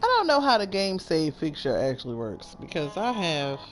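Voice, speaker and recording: A woman with a creaky voice giving casual commentary as she plays a video game. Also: low voice, wildly swooping pitch, normal speed. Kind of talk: casual let's-play commentary. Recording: game music behind the voice.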